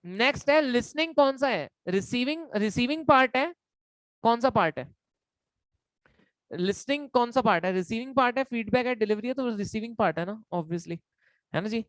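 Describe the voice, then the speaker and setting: A man's voice: extremely high pitch, lively intonation, normal speed, fairly bright tone, no room sound. A man teaching an online exam-prep class as a quiz, playful and teasing, repeating each point and mixing in English. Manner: mixes Hindi and English. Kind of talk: live online lecture quiz.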